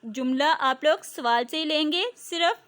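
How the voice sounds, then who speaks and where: A woman teacher with a Pakistani Urdu accent reads a lesson to children, saying each key word twice, slowly and clearly. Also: high voice, a bit bright. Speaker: school teacher. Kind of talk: slow classroom reading lesson.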